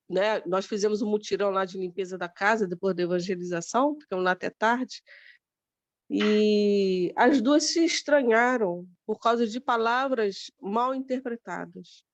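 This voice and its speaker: A woman's voice: medium pitch, no echo. Emphatic woman on a dry call line. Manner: emphatic, exclaiming. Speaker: study group participant. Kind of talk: casual group discussion. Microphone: video call. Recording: dry, dull call audio.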